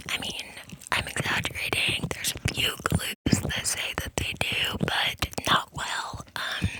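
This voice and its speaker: A woman giving a softly whispered, breathy ASMR ramble as a channel host, close on a binaural microphone, with an affectionate, playful way of talking. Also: low-quality recording. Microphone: close binaural microphone with silicone ears.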